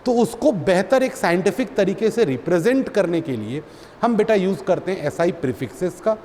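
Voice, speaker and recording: Male teacher, high pitch, repeats to drill students, reverberant classroom, faint noise. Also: expressive, moderate pace, a little mellow. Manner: addresses students as "beta", repeats terms for drilling. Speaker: physics teacher. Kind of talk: classroom lecture.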